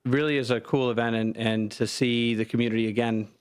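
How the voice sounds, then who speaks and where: A man's voice: medium pitch, level tone, brisk, clear, resonant tone. An American man chatting casually as a co-host on a radio show.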